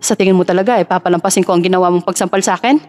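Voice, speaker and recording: A woman's voice: fairly low pitch, racing, darkish tone, faint music behind, voice pushed down, natural voice. A woman voicing a smug, teasing young playboy man in an audio story, speaking in a mocking drawl.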